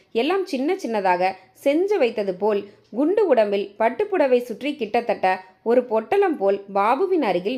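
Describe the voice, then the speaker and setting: A woman narrating a family story in a steady read-aloud way, softening her voice for the characters' lines. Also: a little high.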